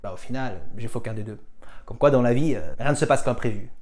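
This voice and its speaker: With music playing underneath, a young French vlogger fields viewer questions in a relaxed, self-deprecating way, moving between languages. He talks fast in a mid-range, slightly mellow voice.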